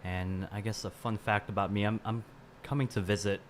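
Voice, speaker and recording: A twenty-year-old man from the Midwest with a very low voice talks as a podcast guest. He answers thoughtfully and hedges with "uh" and "I mean." A light hiss sits underneath. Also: steady tone, fairly quick. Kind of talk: casual panel discussion.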